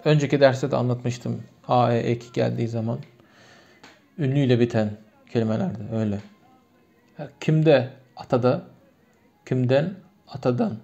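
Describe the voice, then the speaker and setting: This native Turkmen speaker from Turkmenistan talks with a gravelly, dark, medium-pitched voice at a normal speed, leaving long pauses. As a language teacher, he explains grammar patiently and repeats many examples. He carries a Turkmen accent, and the recording sounds muffled and lo-fi.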